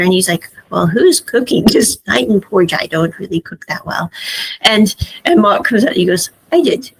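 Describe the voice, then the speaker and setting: A woman's voice: a little high, creaky, slightly rough, rough recording. A woman giving a chatty recap of a drama series, laughing often and acting out the characters' lines. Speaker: series reviewer. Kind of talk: casual recap and commentary.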